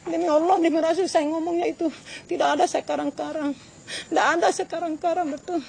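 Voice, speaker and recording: A woman's voice: very high voice, steady tone, fast talker, gravelly, a little mellow, slight background noise. An older woman giving a tearful, pleading and indignant interview, her voice crying as she speaks. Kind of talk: emotional interview testimony.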